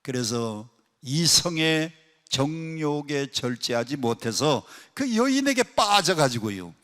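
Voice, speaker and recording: A male pastor preaches in a fairly high voice, surging to loud, pressing peaks and then dropping to soft asides. He keeps quizzing the congregation with questions as he goes. He is heard through a microphone in a large worship hall with a long, ringing reverb. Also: big pitch swings, slow pace. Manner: emphatic preaching with sharp swings between loud and soft. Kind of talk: sermon.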